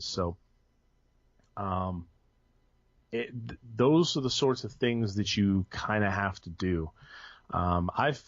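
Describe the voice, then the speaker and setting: With a voice on the low side, a young man guesting on a podcast chats loosely about working in IT, full of ums, false starts and self-corrections. It's a casual conversational interview captured in dull, dry lo-fi sound without echo.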